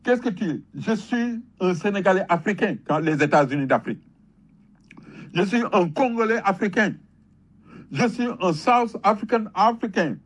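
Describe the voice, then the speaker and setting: Here a Senegalese-accented man gives a fervent patriotic address, switching between French and Wolof as he tells stories full of repetition and rhetorical emphasis. His high, expressive voice moves at a normal speed, and the recording is rough.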